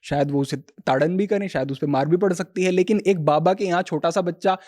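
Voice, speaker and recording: A man speaking as a yoga teacher on a podcast, calmly explaining spiritual ideas and quoting Sanskrit verses. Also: on the high side, fairly quick.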